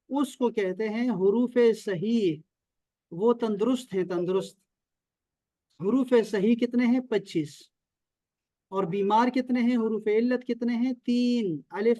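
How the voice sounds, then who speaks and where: A man's voice: sits high, a little mellow, no room sound. A man from Pakistan teaching an online Arabic and Quran lesson over a video call, repeating key terms and checking often that his students follow.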